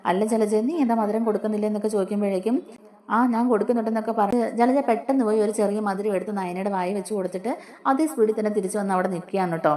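Fast-talking woman retelling a serial. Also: medium pitch, warm tone. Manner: chatty retelling, often adding tag words to the listener. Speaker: serial recap host. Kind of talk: casual spoken recap of a TV serial episode.

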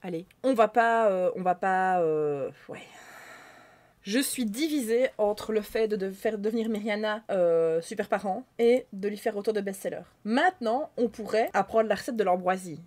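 Excitable woman gaming YouTuber. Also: medium pitch, normal speed. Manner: excitable, gushing, talks to viewers. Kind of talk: casual Let's Play commentary.

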